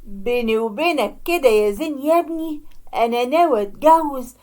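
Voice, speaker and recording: A woman voicing a scheming middle-aged uncle in a cartoon story, smooth-talking, with an Egyptian accent. The voice stays high. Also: moderate pace, a little mellow, close to an everyday voice. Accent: Egyptian Arabic.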